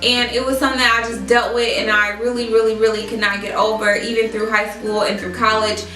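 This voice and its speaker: Young woman doing a chatty storytime vlog, echoey room, mic a bit far off, expressive. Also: fairly high pitch, a little fast, soft background music. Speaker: vlogger. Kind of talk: casual storytelling to camera.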